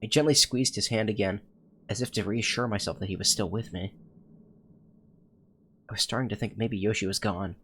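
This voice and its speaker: A man's voice: fairly low pitch, moderate pace, pauses often, fairly bright tone, a little hiss or hum, natural voice. A man reading scripted first-person horror game narration as an anxious young character. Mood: anxious, hushed suspense. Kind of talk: scripted narration read from a horror visual novel.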